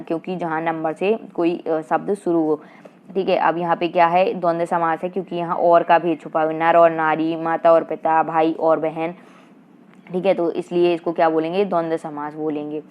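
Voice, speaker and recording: A woman teacher with a Madhya Pradesh Hindi accent runs an exam-prep grammar class. Her voice sits low and stays fairly even, and she keeps asking questions that she answers herself. The sound is dull and lo-fi, typical of a cheap online class recording. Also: clean tone. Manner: rhetorical questions answered herself, filler "ठीक है"; slow sing-song recitation of verse lines.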